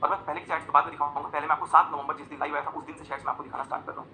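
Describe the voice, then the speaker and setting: A man talks at a racing clip in a bright, cutting, somewhat high voice, agitated and accusatory. He walks through chat screenshots on his phone during a live confessional rant, jumping between emphatic outbursts and quick muttered asides. A faint hum sits behind him. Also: little pitch movement, rough recording. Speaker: vlogger.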